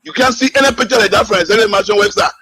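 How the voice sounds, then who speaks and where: A man's voice: high voice, racing, pushed and bright, husky. A man from Liberia calling in to a radio talk show, arguing with rhetorical questions over a phone line. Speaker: caller. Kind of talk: call-in radio political commentary.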